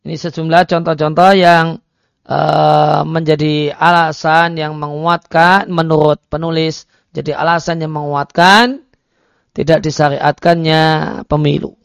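A man's voice: on the high side, little pitch movement, unhurried, vocal fry, smooth, no room sound. A man giving a religious study lecture, reading Arabic lines and explaining them, with frequent hesitation fillers. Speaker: Islamic religious teacher. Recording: dry, dull lo-fi recording.

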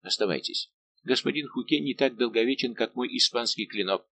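A man reading aloud voicing a lively, bantering middle-aged musketeer captain. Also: mid-range voice, brisk. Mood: persuasive. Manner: warm, bantering and persuasive.

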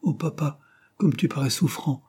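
A man voicing a gentle, devoted young married daughter who speaks softly and pleads with worry. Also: medium pitch, normal speed, breathy edge, close to an everyday voice. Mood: worried.

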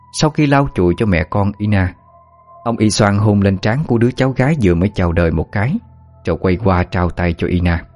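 A man narrating a dramatic folk story in a steady, measured way. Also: low-pitched.

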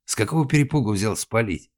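A man's voice: fairly low pitch, lively intonation, fast talker, a little mellow, voice pushed up, close to an everyday voice. A man voicing a stern middle-aged investigator in an audiobook, dry and curt in his questions. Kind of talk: audiobook character voice.

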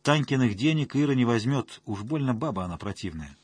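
A man's voice: medium pitch, animated, fairly quick, slightly rough, no echo. A man narrating an audiobook in a wry, colloquial storytelling manner.

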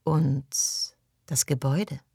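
Woman reader plays a brazen flirt, teasing and direct, in a dry, close audiobook read; fairly low voice lifted higher for the part. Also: little pitch movement, slow pace, warm tone, breathy edge, no echo, full character voice. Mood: inviting. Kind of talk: audiobook reading.

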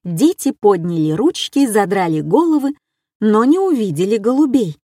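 A woman reads a funny family story aloud, wry and deadpan in her delivery. Her voice is mid-pitched and recorded close and dry, with no room sound around it. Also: normal speed, dry recording. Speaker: narrator. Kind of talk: humorous storytelling.

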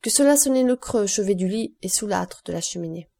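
A woman's voice: medium pitch, lively intonation, a little fast, vocal fry, mellow. A woman voicing a humble, talkative male prison guide in an audiobook, speaking eagerly and deferentially. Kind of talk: audiobook character voice.

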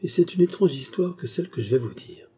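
A man's voice: on the high side, expressive, fairly quick, dark tone, slightly rough, voice pushed up. A man voicing a scheming baronet villain who poses as a kind benefactor, talking in an earnest, persuasive way in a French audiobook novel.

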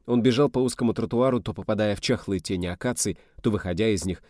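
A man reading a novel aloud in a steady, measured storytelling voice. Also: on the low side, dry recording, studio quality. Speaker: audiobook reader. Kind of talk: scripted narration.

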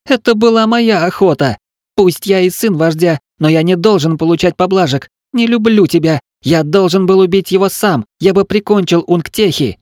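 A man's voice: a little high, a little slow, husky, no room sound, studio quality, pitched above the performer's own voice. A man voicing a proud, hot-headed teenage son of a chief, crying and whining indignantly. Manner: whiny, indignant, shouting.

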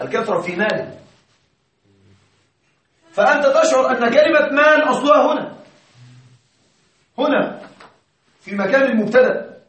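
Male grammar teacher, fairly high voice, quizzing his class, heard from a distance. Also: a bit bright. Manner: asks students questions, repeats examples slowly. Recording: echoey classroom from far off.

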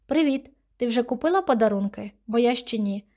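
A woman's voice: a little high, expressive, fairly quick, dark tone. Woman reading friendly teenage boy, casual, light, audiobook.

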